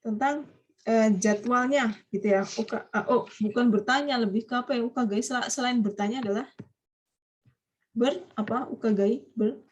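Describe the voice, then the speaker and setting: Lady teacher going over japanese vocab, quizzes the class, kinda high voice. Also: moderate pace, muffled recording. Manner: chatty, quizzing students, frequent light laughs. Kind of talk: online vocabulary lesson.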